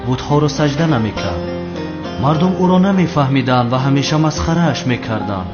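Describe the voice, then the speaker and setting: Solemn preacher, played by a man, measured sermon, lo-fi dub. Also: mid-range voice, lively intonation, natural voice. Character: solemn male preacher addressing a congregation. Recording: dull lo-fi with loud music.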